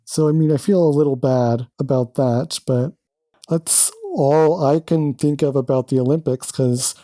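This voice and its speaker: A man co-hosting a podcast in casual, opinionated chat. His voice is mellow and relaxed, recorded close and dry. He talks with a wry, chatty edge. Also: medium pitch, normal speed, no room sound. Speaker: podcast co-host.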